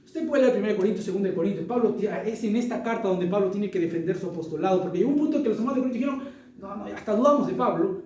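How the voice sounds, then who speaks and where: A man preaches with a very high, mellow voice, pressing each point and turning to his congregation with rhetorical questions. The sound is heavily echoey and picked up from far off in a church hall, as if the mic sits well away from him. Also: expressive, racing, a little hiss or hum. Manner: emphatic, keeps addressing the congregation as brothers. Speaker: pastor. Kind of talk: sermon.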